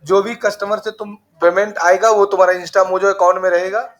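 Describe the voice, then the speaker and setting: A man from the teaches students in a small computer classroom. He is brisk and scolding. He drifts into chatty side remarks between his instructions. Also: high voice, flat delivery, a bit bright.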